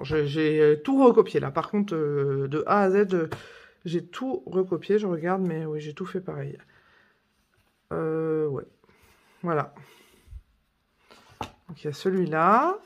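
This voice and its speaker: A woman's voice: deep voice, measured pace, pauses often, darkish tone. A woman talks casually through her coloring books, showing them off one by one. She rambles, restarts her sentences and fills the gaps with little hesitations. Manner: chatty, rambling, full of fillers and self-corrections. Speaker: coloring book vlogger. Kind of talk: casual show-and-tell chat.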